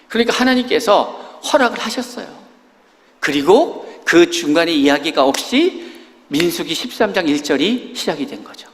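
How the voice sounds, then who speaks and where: A man's voice: on the high side, big-room sound. A man preaching a sermon as a pastor, talking in a conversational way with many rhetorical questions, in a church sanctuary.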